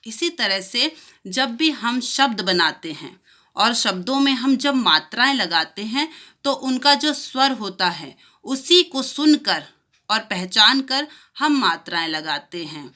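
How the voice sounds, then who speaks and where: A woman teaching a children's lesson, slowly stretching out each sound so young pupils can repeat it after her. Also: on the high side, animated, pushed and bright. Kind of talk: primary school lesson.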